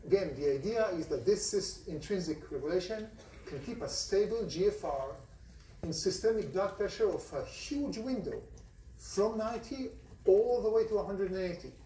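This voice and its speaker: This Israeli-accented man has a high, animated, warm voice and speaks at a moderate pace. He lectures a large university class conversationally and often asks the students questions. A phone in the audience captured it, giving a distant, roomy hall sound with a little hiss or hum.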